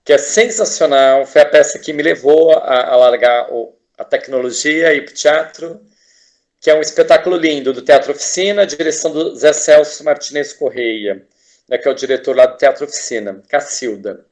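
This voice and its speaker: A Brazilian man talks as a guest on a casual interview podcast, with a voice pitched a little high. He speaks with eager enthusiasm, rambling, restarting words and tossing in tag questions as he goes. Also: normal speed. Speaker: teacher and artist, podcast guest.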